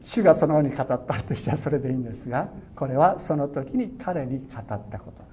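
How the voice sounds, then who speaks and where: A man's voice: expressive, fairly quick, warm tone. A man preaching a sermon as a pastor, earnest and exhorting, his voice swelling on key words. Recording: dull lo-fi sound with faint rumble.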